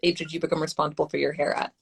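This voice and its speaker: A woman's voice: sits low, flat delivery, very fast, creaky, husky, rough recording. A woman hosting a live audio chat, introducing guests and asking them questions in a friendly way. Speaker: host and moderator.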